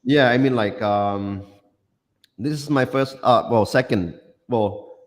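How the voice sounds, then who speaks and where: A man's voice: mid-range voice, slow pace. A man from Thailand with a Thai accent, hosting a casual livestream chat and talking with many fillers and restarts. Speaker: livestream host.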